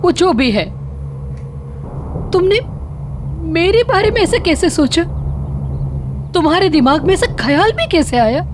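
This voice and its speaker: Middle-aged mother, accusing and scolding, high voice with big pitch swings, noisy slightly distant recording; in a horror drama. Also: big pitch swings, a little slow, long pauses, full character voice. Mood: indignant. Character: angry, defensive middle-aged mother, sharp-tongued.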